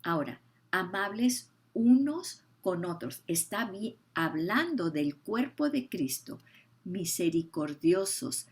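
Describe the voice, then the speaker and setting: A woman's voice: medium pitch, a little mellow. An older woman, teaching the Bible with emphasis, repeating key phrases and asking her listeners questions.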